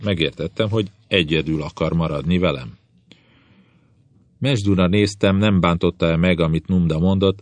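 A man with a very deep voice reads a novel aloud in the first person, his telling measured and even. The sound is dry and close, with no room around it. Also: no room sound. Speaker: audiobook narrator.

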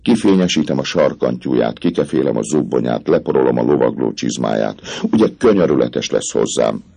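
Esmeralda, as a gravelly man reads her. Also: extremely low pitch, expressive, dark tone, full character voice. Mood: impassioned. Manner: impassioned, pleading, breathless rushes. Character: passionate young woman dancer, pleading and devoted. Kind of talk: audiobook character voice.

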